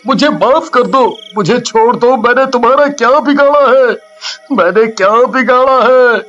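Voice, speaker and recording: A man's voice: very high-pitched, unhurried, fairly bright tone. A man voicing a terrified young man trapped by a witch, wailing and begging in panic. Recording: muffled lo-fi cartoon audio with music.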